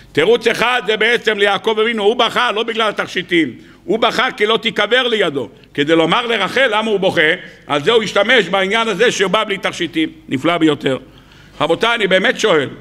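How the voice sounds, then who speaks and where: Man, rabbi, weekly sermon, high voice, bright tone, rhetorical questions, playful acted-out dialogue. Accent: Israeli Hebrew. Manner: animated, acts out quoted dialogue.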